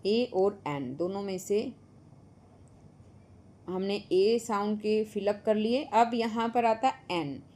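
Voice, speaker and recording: Woman teacher, patient and unhurried, walks children through English grammar and reads example sentences slowly. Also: mid-range voice, a little mellow. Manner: patient, slow and repetitive, addresses the children directly. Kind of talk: school lesson explanation.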